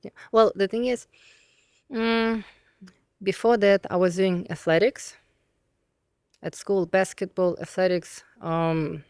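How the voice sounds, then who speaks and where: A woman's voice: medium pitch, steady tone, takes it slowly, long pauses, a little mellow, smooth, no room sound. A woman from southern Russia with a Russian accent, a podcast guest giving short, dry, blunt answers in casual chat.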